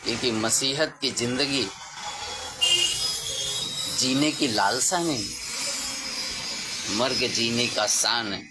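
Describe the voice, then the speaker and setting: Slow, emphatic male Hindi preacher with music. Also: medium pitch. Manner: slow, emphatic, with rising exclamations. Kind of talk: sermon.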